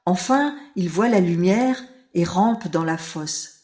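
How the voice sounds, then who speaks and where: A woman narrating a children's audiobook in a clear storytelling manner. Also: on the low side, animated, takes it slowly, a little mellow.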